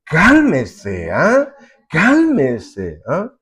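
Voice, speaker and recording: A man's voice: on the high side, huge pitch swings, drawn-out words, fairly bright tone, husky. A man preaching a sermon as pastor, earnestly, acting out the voices of the people in his stories.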